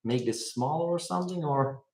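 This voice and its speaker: A man's voice: fairly high pitch, fairly quick, darkish tone. A man hosting a casual live stream from a room at home on a webcam, rambling with chuckles and many fillers. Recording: echoey room with faint music. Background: faint music.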